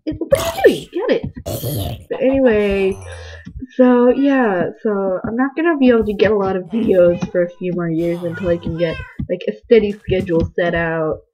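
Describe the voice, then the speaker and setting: A woman's voice: medium pitch, normal speed, mellow, slight background noise, low-quality recording. A woman hosting her own gaming channel, chatting casually and rambling to herself as she plays, with music playing behind her. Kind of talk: casual Minecraft commentary. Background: background music.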